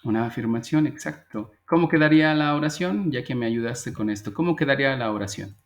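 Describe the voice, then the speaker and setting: A Spanish-speaking man with a brisk, mid-range voice teaches an English grammar class. He explains patiently step by step, repeating each phrase before checking that students follow.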